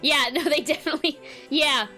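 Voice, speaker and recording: Bright, chatty woman streaming a game. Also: sits high, fairly quick, faint music behind. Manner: chatty, informal. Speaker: streamer reading a game aloud. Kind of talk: casual gameplay commentary.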